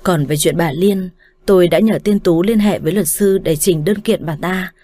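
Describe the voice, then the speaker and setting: Woman, audiobook narrator, first-person story reading, low voice, mellow tone, calm measured delivery. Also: faint music behind.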